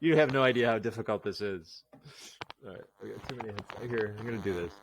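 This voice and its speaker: Heavy background noise surrounds a man with a lowish voice who speaks fast as he rambles through a product demo as the video's host. Sounding tired, he mutters to himself while working and cracks goofy jokes at his own expense.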